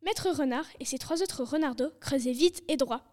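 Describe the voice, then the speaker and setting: A woman's voice: high voice, moderate pace, darkish tone. A woman reading a storybook aloud, taking turns and echoing words with a partner. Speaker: reader.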